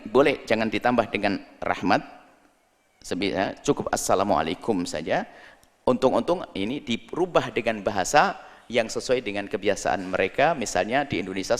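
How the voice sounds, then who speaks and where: A male preacher answers a question from the pulpit, laying out his points one by one and pushing his voice up for emphasis. His pitch sits in the middle for a man. The sound carries the long reverb of a large hall. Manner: explanatory, animated, rising emphasis. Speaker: Islamic preacher.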